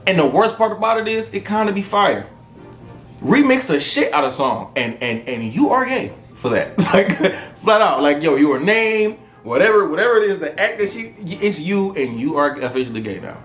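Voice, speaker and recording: A man in his thirties with a fairly high voice. He talks through a casual, profane comic monologue with bursts of laughter. The room sounds echoey, with faint music behind him. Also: moderate pace. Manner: animated, profane storytelling with frequent laughter. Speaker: podcast host. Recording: roomy echo with faint music.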